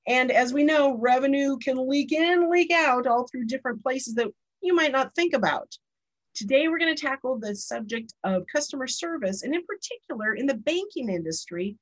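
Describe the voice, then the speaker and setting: A woman's voice: high voice, animated, moderate pace. A woman in her fifties hosting a podcast, chatting casually and telling personal stories. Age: 50s. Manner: chatty and storytelling. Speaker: podcast host.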